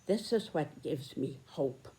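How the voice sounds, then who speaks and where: A very old American woman in her nineties speaks in a low-pitched voice at a slow pace. She reflects and comments earnestly, choosing her phrases deliberately and stressing them between pauses. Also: animated, dark tone. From United States. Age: 90s, very old. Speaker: video host, personal commentator. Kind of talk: reflective spoken commentary and reminiscence to camera.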